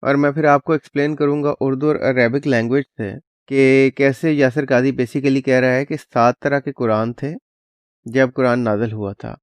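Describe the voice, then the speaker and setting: A man's smooth, steady, mid-range voice carries his channel's casual commentary as he explains a clip plainly, with English words slipped in. The recording has no room sound.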